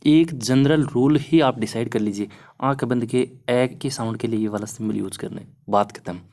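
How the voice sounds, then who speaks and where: A man's voice: medium pitch, moderate pace, dark tone. A young man who teaches exam prep, talking a class through phonetics examples in a casual, encouraging way and often asking "है ना". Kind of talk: explaining lesson over slides.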